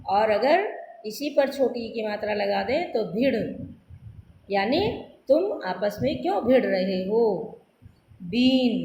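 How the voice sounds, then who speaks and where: A woman with a fairly high voice leads a Hindi spelling lesson for small children. She takes it very slowly and sounds out every word letter by letter. Her voice echoes around the room, with a faint hiss underneath. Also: a little mellow, dull audio. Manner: spells words letter by letter, drawn out. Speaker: primary school Hindi teacher.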